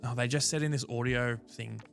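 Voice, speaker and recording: Gravelly-voiced man ranting about games. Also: mid-range voice, a little fast, soft background music. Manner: animated, frank, swears freely. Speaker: podcast co-host. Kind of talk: casual gaming chat.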